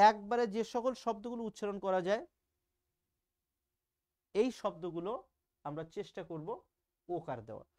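A man's voice: high-pitched, darkish tone. A man from Bangladesh, teaching a casual online grammar lesson in a chatty, teasing way, asking rhetorical questions and drawing out example words.

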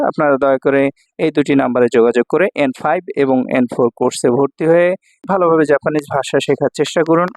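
Recorded clean and dry as if in a studio, a fairly high-pitched man from Bangladesh gives a kanji lesson as a Japanese teacher at a Dhaka language center. He is patient and repetitive, frequently making sure the class understands.

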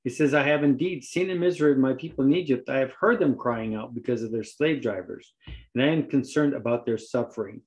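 A man preaching a sermon, reading scripture aloud and pausing in turns for an interpreter. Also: medium pitch, a little mellow, poor audio.

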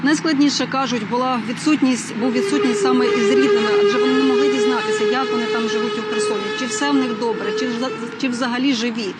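A woman reports live from a city street in a brisk, fluent news delivery. She talks quickly, and traffic and street noise sit clearly behind her voice. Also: high voice. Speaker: field reporter.

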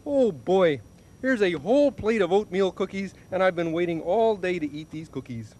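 A man's voice: sits high, expressive, moderate pace, a little mellow, slight background noise. A man voicing a cheerful, wary puppet who guards his cookies, talking earnestly with stammering restarts. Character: cheerful young male puppet, fussy about cookies.

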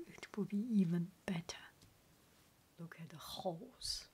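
A middle-aged woman whispering a casual ASMR chat as a home cook, halting and often repeating herself in a breathy voice. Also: fairly low pitch, darkish tone. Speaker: home cook and video creator.

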